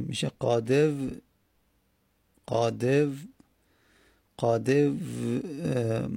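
Gravelly, low-toned man teaching slowly. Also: mellow, no room sound, clean studio sound. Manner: patient, repeats words slowly and drawn out. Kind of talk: explaining Arabic grammar lesson.

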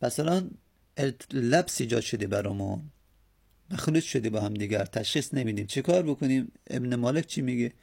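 Gravelly-voiced male grammar teacher. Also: medium pitch. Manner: patient, repeats forms in steady drills. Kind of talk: grammar lecture with recited conjugations.

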